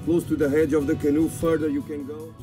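A man's voice: a little high, level tone, a little fast, music in the background. A man working as a guide, explaining things informally in short, simple phrases outdoors. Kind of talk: informal instruction. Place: outdoors by the sea.

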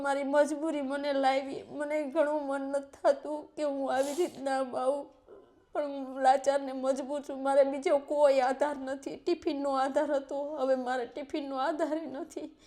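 High, pleading woman. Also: a little mellow. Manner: pleading, tearful at times. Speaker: interviewee seeking help. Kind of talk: emotional plea in an interview.

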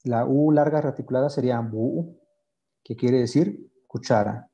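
Mellow-voiced man teaching, patient and unhurried. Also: medium pitch, fairly even intonation, dull audio. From Yagavila, Oaxaca, Mexico. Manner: patient, slow explanations with many fillers. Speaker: Zapotec language teacher. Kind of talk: explanatory language lesson.

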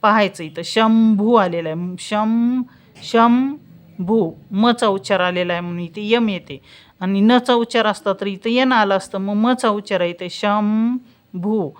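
A woman teaching spelling step by step, saying example words slowly and answering her own questions. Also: medium pitch. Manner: slow, drawn-out pronunciation of example words, asks questions and answers them herself. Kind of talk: spelling lesson, explaining step by step.

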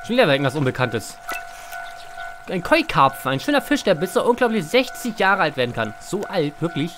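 A man with a fairly high, sing-song voice hosts a let's play at a brisk clip. He keeps it playful, chatting casually about the game, reading its text aloud and cracking jokes. Faint game music plays behind him.

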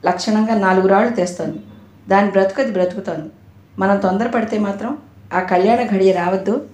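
A woman's voice: medium pitch, a little fast, a little mellow, lightly acted. Woman reading as a grumbling middle-aged father. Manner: grumbling, scolding. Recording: echoey room.

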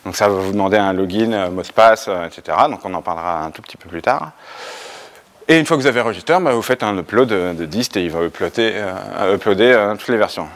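Low-voiced man presenting a tech talk. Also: fast talker. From France. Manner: hesitant, many fillers and restarts. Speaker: conference speaker. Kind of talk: technical conference talk.

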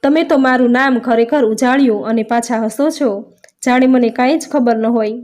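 A woman's voice: a little high, normal speed, a little mellow, close to an everyday voice. A woman voicing a stern, wrathful male god in a told religious story, speaking in a reproachful, commanding way. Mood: angry.

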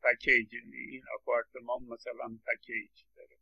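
A man's voice: a little high, vocal fry, muffled recording. A middle-aged man lecturing on English phonetics, explaining patiently and stressing words as he repeats examples, with English words spoken. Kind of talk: recorded lecture.

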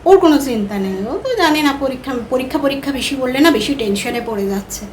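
Chatty high-voiced woman vlogging at home. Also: lively intonation, fast talker, a little mellow, slight background noise, poor audio. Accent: Bengali. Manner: chatty, talks to viewers while doing chores. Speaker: vlogger, mother. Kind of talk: casual home vlog narration. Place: home, kitchen and rooms.

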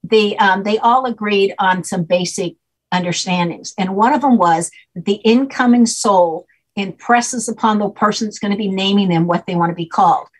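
A woman's voice: medium pitch, normal speed, breathy edge, poor audio. An older woman, a guest, explaining her subject at length in a patient, teacherly way, often checking in with "okay?", speaking over a video call from home. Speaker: guest name expert. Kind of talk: explanatory interview talk.

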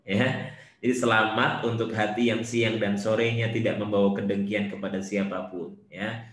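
A man giving an online Islamic study lecture over a video call, animated, with rhetorical questions and playful asides. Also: on the low side, normal speed, echoey room.

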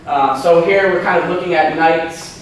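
A man's voice: a little high, moderate pace, a little hiss or hum. A man in his thirties giving an informal slide lecture, chatty with many ums and restarts, asking the audience questions. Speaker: seminar presenter. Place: hotel meeting room, indoors. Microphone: far camera, no handheld mic. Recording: echoey room from far off.

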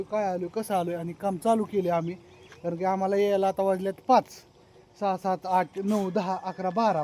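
A man's voice: high voice, dark tone, slight background noise. A young man, chatting casually to his phone camera in a rambling, filler-heavy vlog. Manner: chatty, loose rambling delivery with frequent fillers. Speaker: vlogger.

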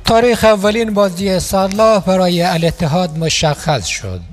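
A man's voice: sits high, faint music behind. A man narrating scripted football news in a formal newsreader manner, as a studio voice-over.

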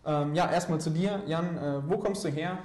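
A man's voice: a little high, moderate pace, a little mellow, roomy sound. A young man hosting a student TV studio interview, asking questions with many fillers and hesitations. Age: young adult. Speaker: host. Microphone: lapel mic.

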